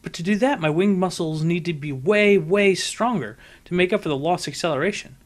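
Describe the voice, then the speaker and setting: A man with a high voice pushed upward, speaking a bit fast yet natural, plays a brash, boastful young female pegasus pony in a fan fiction audiobook reading. The character comes across cocky, emphatic, confident and eager.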